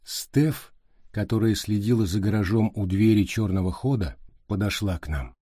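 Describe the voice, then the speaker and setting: A man narrating an audiobook in a steady, even storytelling voice. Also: fairly low pitch, moderate pace, slightly rough, dry recording, clean studio sound. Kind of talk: scripted narration.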